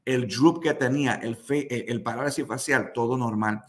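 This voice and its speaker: A man's voice: medium pitch, normal speed. A man, a pastor, telling a personal testimony with emotional, dramatic retelling and quoted voices. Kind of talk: testimony storytelling.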